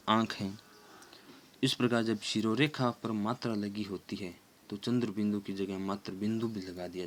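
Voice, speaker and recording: A man's voice: on the low side, a little hiss or hum. A man teaching a grammar lesson, patiently explaining step by step with examples.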